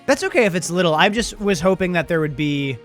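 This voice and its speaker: A man giving casual, animated playthrough commentary, thinking aloud as he plays and reads out game text. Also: sits high, fast, faint music behind.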